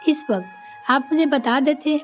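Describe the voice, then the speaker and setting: A woman's voice: sits high, expressive, measured pace, faint music behind. A woman voicing a boastful middle-aged sister. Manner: boastful, complaining.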